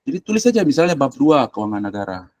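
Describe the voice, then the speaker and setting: Blunt lecturer. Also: male voice, mid-range voice, very animated, fast, a little mellow, no room sound. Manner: blunt, directive, colloquial, thinking aloud while clicking. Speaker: university lecturer. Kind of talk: informal screen-share tutoring.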